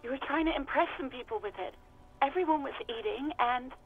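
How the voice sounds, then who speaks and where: A woman's voice: sits high, fairly quick. An actress playing an anxious, exasperated young woman in a video game, speaking hesitantly and resignedly through a radio receiver. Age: young adult. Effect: radio receiver filter. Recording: narrow tinny radio line.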